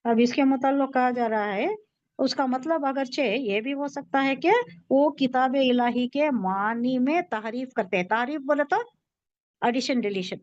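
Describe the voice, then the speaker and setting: A woman with a high voice teaches a Quran tafseer lesson, her clear as she explains words and asks herself questions. The recording is dry and a bit dull. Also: measured pace, darkish tone, dry recording. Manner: explains terms, asks and answers own questions.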